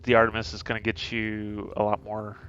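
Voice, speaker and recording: A man talking casually through game strategy while streaming, thinking aloud with many pauses and fillers. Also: on the low side, monotone, fairly bright tone, lo-fi sound, faint music behind.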